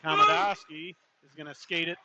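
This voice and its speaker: A man doing running play-by-play commentary for a youth hockey game, steady in tone and rising sharply on shots. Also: fairly high pitch, brisk, creaky, highs cut off. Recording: noisy arena ambience.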